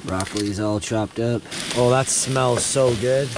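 Cooking outdoors by his pickup in a snowy parking lot, a young man vlogs in an unhurried, medium-pitched voice. He's cheerful and talkative, laughing a lot as he addresses viewers. Sound is picked up by a handheld and head-mounted camera mic, so the outdoor audio is noisy.

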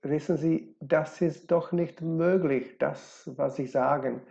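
A man's voice: on the high side, steady tone, slow, gravelly, dark tone, lo-fi sound. A man reading the part of an anxious, bewildered young fiancé, worried and pleading.

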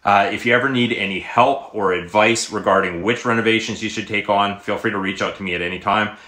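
A man's voice: on the low side, fairly even intonation, brisk, sharp tone, roomy sound. A man in his thirties, a realtor, giving plain advice straight to a phone camera at close range with frequent fillers. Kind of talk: direct-to-camera advice video. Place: indoor room, green-screen style background.

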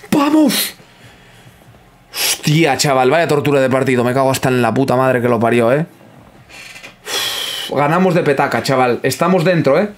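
A man commentating his own football video game, excitable, swearing freely and talking to his chat. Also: mid-range voice. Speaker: gaming streamer. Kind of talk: live gameplay commentary.

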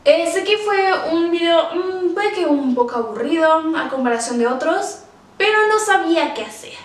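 A woman's voice: extremely high pitch, expressive, moderate pace. A woman casually reviewing books for her vlog, chatty and emotional, with many fillers. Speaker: book vlogger. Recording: roomy, distant from the mic.

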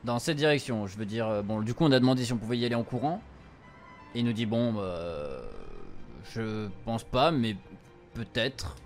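In a relaxed let's play, a young adult streamer reads translated game dialogue aloud using casual slang. He talks at a normal speed with a mid-range voice and lively intonation, and the game's music plays in the background.

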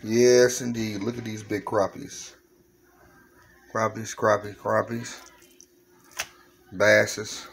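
A Southern US man in his 40s, hosting a cooking channel, chats playfully in his home kitchen by a countertop fryer and repeats exclamations. His gravelly, fairly low voice barely moves in pitch, and he takes his time with long pauses. The poor audio has a little hiss or hum.

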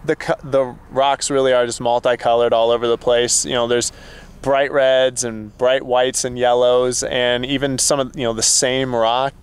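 A man's voice: medium pitch, flat delivery, normal speed, smooth. Young man vlogging from a desert trail. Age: young adult. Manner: easygoing, chatty, laughs between phrases. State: tired after a hike. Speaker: travel vlogger. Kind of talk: casual vlog talk to camera. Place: outdoors, desert trail and trailhead parking lot. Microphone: handheld camera at arm's length.

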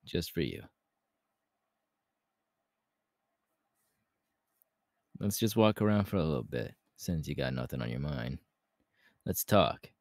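Very deep, gravelly Hawks, romantic ASMR man acting. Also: a little mellow, no echo, studio quality, heavily acted. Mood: tired, affectionate. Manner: intimate, halting, breathy laughs and sighs. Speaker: voice actor, ASMR artist. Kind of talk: romantic ASMR audio roleplay.

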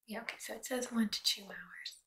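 A woman doing a soft-spoken ASMR unboxing at home, mostly whispering in a chatty, relaxed way. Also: on the high side, brisk, vocal fry, recorded from a distance, very noisy. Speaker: ASMR creator.

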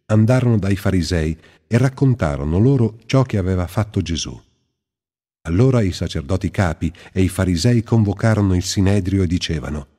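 Low raspy guy reading scripture slow and reverent, long echo like a big hall. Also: dark tone. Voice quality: slow, measured, reverent delivery. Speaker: Bible reader. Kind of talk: solemn scripted Bible reading.

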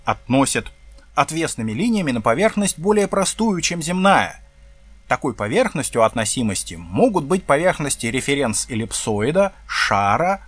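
A man reads a textbook aloud at an even, careful pace, breaking off now and then for plain remarks of his own. His voice sits in the middle range and is recorded close and dry, with no room sound. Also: mid-range voice, no room sound. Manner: careful reading with asides and self-corrections. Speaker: video host reading a textbook. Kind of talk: reading aloud from a textbook with comments.

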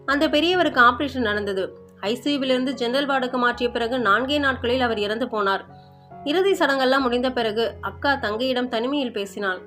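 A woman narrating a story in a measured, reflective way. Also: on the high side, fairly bright tone, soft background music.

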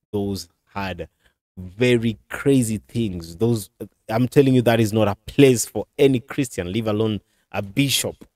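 Low-voiced man hosting with many "uh"s. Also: a little mellow, no room sound, studio quality. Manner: hesitant, many fillers and restarts. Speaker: commentary channel host. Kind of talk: casual commentary to camera. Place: small indoor studio with curtain backdrop. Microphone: desk mic on a stand.

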